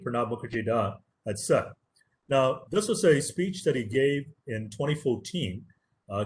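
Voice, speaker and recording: Speaking at a medium pitch, a professor with Tamil as his first language delivers an earnest webinar lecture meant to motivate. He emphasizes key words and repeats phrases for effect.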